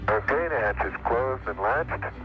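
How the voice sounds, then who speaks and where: A man's voice: mid-range voice, expressive, unhurried, over music. A man reporting as an astronaut in matter-of-fact fashion with fillers, heard over a crackly space radio transmission with beeps. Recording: lo-fi archival radio link.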